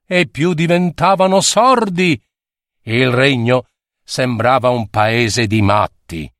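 A man from Italy reading a fairy tale aloud with lively, theatrical narration. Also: on the high side, dry recording, studio quality. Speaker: storyteller.

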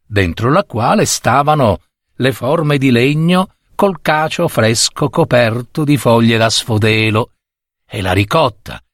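Man, story narration, measured deliberate reading, slow pace, dry recording. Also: mid-range voice, lively intonation, no echo.

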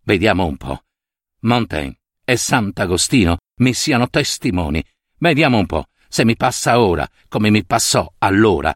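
A man voicing a middle-aged male notary in pain, gruff and prone to furious outbursts. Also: on the low side, sing-song, moderate pace, no echo, clean studio sound. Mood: defiant.

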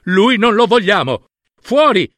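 A man voicing a crowd of mocking barnyard ducks and hens in a storybook reading, squealing and very high. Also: very animated, unhurried, a bit bright, dry recording, clean studio sound, exaggerated voice. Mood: jeering.

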